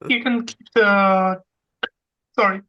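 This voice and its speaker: A woman's voice: medium pitch, fairly even intonation, slow pace, lo-fi sound. A woman organizing a workshop, chiming in with brief, agreeable remarks. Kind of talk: casual chat.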